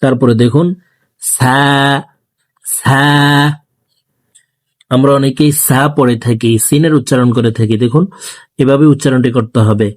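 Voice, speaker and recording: A man teaching Quran reading in a slow, gentle lesson, saying each letter over and over so viewers can repeat after him. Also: medium pitch, fairly even intonation, dry recording, clean studio sound.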